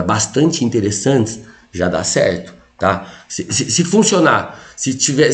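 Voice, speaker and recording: Brazilian guy teaching exam prep, chatty and thinking out loud, voice jumps around a lot. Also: medium pitch. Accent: Brazilian Portuguese. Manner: chatty, thinks aloud, many "tá?" and "ó" asides. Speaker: Portuguese teacher for civil service exams. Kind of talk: casual exam-prep lesson.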